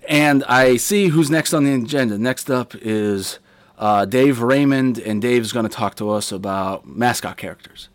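Animated man telling a story, dry mic. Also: mid-range voice, unhurried, dry recording. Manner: animated, laughs mid-story, acts out chants and quotes. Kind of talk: casual storytelling.

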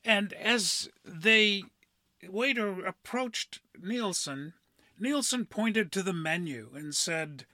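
A middle-aged man hosting a podcast, telling a story in a measured way with frequent pauses and "uh" fillers. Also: sits high, expressive, pushed and bright, no echo. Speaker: podcast host. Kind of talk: storytelling monologue.

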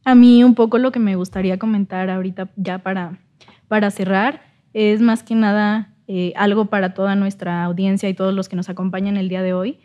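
A young woman talks gently and encouragingly as a podcast guest. Her voice is mellow and dark, and her pitch barely moves. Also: steady tone, brisk, lo-fi sound. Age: young adult. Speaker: psychology student guest. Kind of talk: casual podcast conversation.

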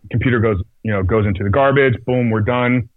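Male guest, mid-range voice, halting storyteller with many restarts; dry, phone-like sound. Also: mid-range voice, no echo. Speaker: podcast guest. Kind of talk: casual personal storytelling.

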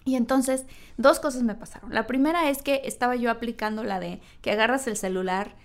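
Lively Mexican woman telling a story. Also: a little high, brisk. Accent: Mexican Spanish. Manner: animated, acts out quoted voices, frequent fillers. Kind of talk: casual storytelling.

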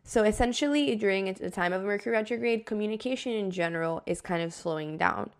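A woman's voice: medium pitch, fast, clear, resonant tone. A woman podcast host explaining things in a casual, conversational and reassuring way, with frequent filler words like "like" and "kind of".

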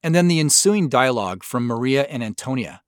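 An American man from Spokane Valley, Washington, a show creator and sound designer, gives conversational, explanatory director's commentary. His medium-pitched voice is animated and fairly quick, recorded with studio quality and no echo.

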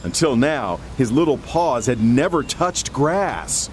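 A man's voice: medium pitch, sing-song, slow, a little hiss or hum. A man narrating a scripted tabloid TV feature as a reporter, with dramatic, punchy delivery. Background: music bed.

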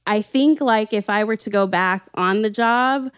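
A woman's voice: mid-range voice, measured pace, clear, resonant tone, no room sound, clean studio sound. A woman interviewer asking conversational questions over a video call.

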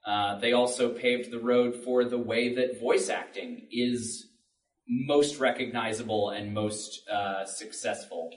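On a public library panel, a man who writes podcasts explains things in an informal way. He takes it slowly, his medium-pitched voice steady in tone, and the distant microphone gives the recording a roomy sound.

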